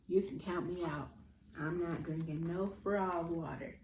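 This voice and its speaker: Hosting a storytime for kids, an American woman with a lowish voice reads a little slowly, full of playful, theatrical expression, and addresses the children directly. Silly sound words get an exaggerated treatment. There's a roomy echo and some light background noise.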